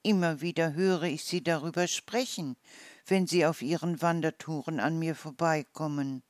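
A storyteller voicing a small, clever forest mouse with a lively, mocking manner. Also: medium pitch, moderate pace, dry recording, lightly acted.

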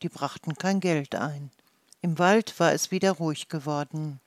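A storyteller reading a fairy tale aloud in a calm, measured storybook manner. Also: medium pitch, no echo. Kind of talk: slow read-aloud fairy tale narration.

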